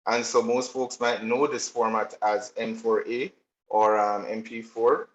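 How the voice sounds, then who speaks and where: A man delivers a technical presentation in a steady, explanatory way, scattering ums through his sentences. The recording is roomy and a little dull, as if captured on a computer mic in an echoey room. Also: fairly low pitch, measured pace.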